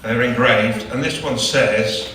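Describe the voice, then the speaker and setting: A man's voice: medium pitch, slow pace, bright, forceful tone, a little hiss or hum. A man, a club chairman, gives a chatty, joking after-dinner award speech. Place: large banquet hall. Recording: echoey hall, distant mic.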